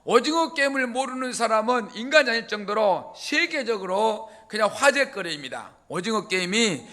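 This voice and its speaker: A male pastor preaching a sermon, telling jokes with drawn-out emphasis. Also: high-pitched, animated, sharp tone. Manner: humorous storytelling, drawn-out emphasis. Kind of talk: joking sermon.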